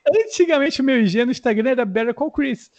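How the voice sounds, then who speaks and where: High-voiced Brazilian streamer, slangy and loose. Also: male voice, expressive, fast talker, a little mellow, dull audio. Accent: Brazilian Portuguese. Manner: loose, slangy and profane, with many fillers. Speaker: streamer hosting his channel. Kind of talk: casual chat.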